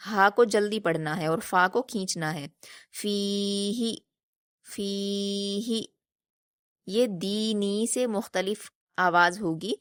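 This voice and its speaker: A woman teaching a recitation class in a patient, explanatory way. She poses questions to her students and answers them herself, and she stretches the drilled sounds slowly. Her voice sits at a middling pitch in a dry, close recording with no room echo. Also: a bit bright. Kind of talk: online recitation lesson.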